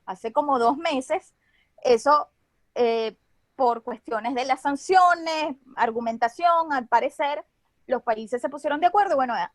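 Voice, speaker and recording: A woman's voice: sits high, unhurried, dry recording. A woman with a Venezuelan Caribbean Spanish accent explains things in a semi-formal, didactic way, often checking in with short tag questions. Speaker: expert speaker on geopolitics.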